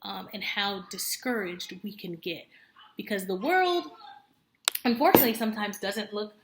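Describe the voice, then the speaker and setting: In an echoey room with a noisy background, a thirty-something homemaker vlogger chats to camera at medium pitch and moderate pace. She comes across earnest and conversational, sprinkling fillers and self-corrections throughout.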